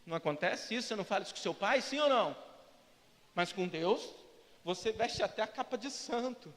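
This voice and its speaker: A man's voice: high-pitched, brisk. A pastor with a Brazilian Portuguese accent preaching a sermon to his congregation, acting out prayers and dialogues and asking the people to answer him. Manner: lively preacher who acts out prayers and dialogues; asks the congregation for responses. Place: church sanctuary. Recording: reverberant church hall.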